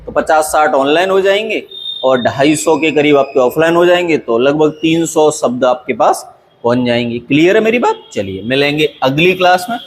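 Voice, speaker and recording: A man's voice: fairly high pitch, expressive, normal speed, in a large hall, a little hiss or hum. A male teacher giving an exam-prep grammar lesson, drilling word pairs in a repetitive way and checking that students follow.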